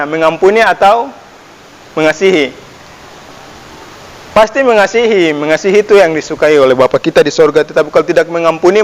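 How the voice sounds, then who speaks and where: A young man leading a children's Sunday school sermon, speaking to the kids as their big brother, asking them questions and reading verses aloud. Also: high-pitched. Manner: addresses children as their older brother, asks questions, lively rises. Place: church hall. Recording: long echo of a church hall.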